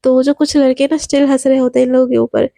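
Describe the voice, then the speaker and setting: A woman telling a romance story in a casual, animated and dramatic way, sprinkling in English words. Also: sits high, fast talker, vocal fry, no echo, clean studio sound.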